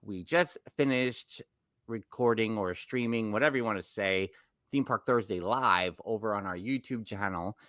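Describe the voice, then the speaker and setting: Podcast co-host: middle-aged man, New York accent, rambling and self-correcting, low-pitched, dry close sound. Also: moderate pace, fairly bright tone, no room sound. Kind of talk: casual podcast chat.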